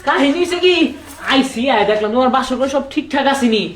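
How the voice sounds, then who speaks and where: A woman's voice: high voice, animated, fast, echoey room, slight background noise. A woman voicing a cheeky young grandson in a comic drama. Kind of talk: comic audio drama acting.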